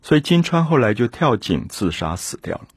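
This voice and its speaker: A man's voice: medium pitch, big pitch swings, brisk, breathy edge, no room sound, studio quality. A man lecturing on a classic novel in an earnest, musing way, stressing key words as he explains. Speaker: literature lecturer. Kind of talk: reflective literary lecture.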